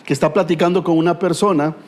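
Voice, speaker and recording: A man's voice: fairly high pitch, fairly even intonation, fast talker, a little mellow. A middle-aged man preaching a sermon with a Guatemalan Spanish accent, telling stories with humor and rhetorical questions.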